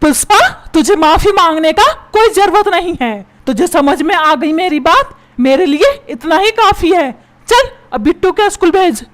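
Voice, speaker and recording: A woman voicing a high-voiced grumbling cartoon dad. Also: lively intonation, moderate pace, fairly bright tone. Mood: calm. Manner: grumbling and complaining. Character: put-upon grumbling father, called an old man.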